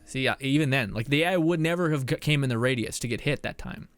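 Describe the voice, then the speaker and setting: Fast and medium-pitched, a young man gives casual commentary while streaming a game live. He reads out chat messages, laughs frequently and gets out of breath now and then.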